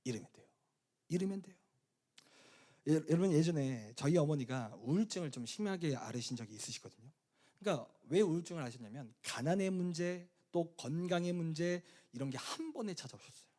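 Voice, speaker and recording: A male pastor preaches to teenagers at a retreat, telling funny stories with lots of drama. His voice sits high and leaps widely, from loud bursts down to quiet asides. He is lively and animated throughout. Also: a little fast. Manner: animated comic storytelling, swinging from loud exclamations to low asides. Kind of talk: youth retreat sermon.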